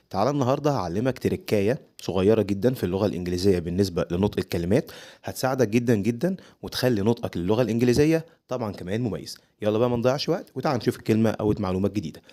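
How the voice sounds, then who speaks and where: A man's voice: on the low side, animated, rapid-fire, dark tone. A man with an Egyptian accent giving a casual English lesson, coaxing and direct with the viewer. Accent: Egyptian Arabic. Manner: direct, coaxing teacher talk. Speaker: English teacher.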